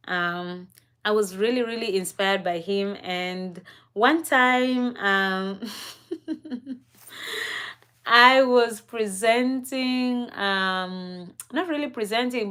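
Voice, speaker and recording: A young East African woman tells a personal story on a live stream, reflective and unhurried, with frequent fillers and soft laughs. Her mid-range voice is clear with a resonant tone.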